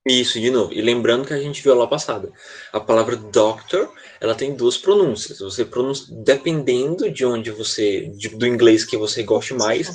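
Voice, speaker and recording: A man's voice: mid-range voice, normal speed. A man with a Brazilian Portuguese accent, an English teacher giving an online class, explaining step by step and checking in often with the students.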